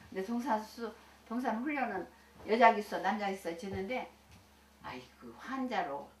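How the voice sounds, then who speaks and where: Heard through a distant microphone in an echoey room with a faint hiss, a senior Buddhist minister, an older woman, recounts her life experiences. Her mid-range voice is expressive and moderately paced, and she's chatty and folksy, laughing a lot and often starting over.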